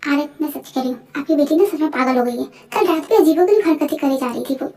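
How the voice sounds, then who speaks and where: A woman's voice: high voice, quick pace, mellow. A woman voicing an anxious, caring middle-aged mother in a fan voice-over drama. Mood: worried. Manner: anxious, soothing.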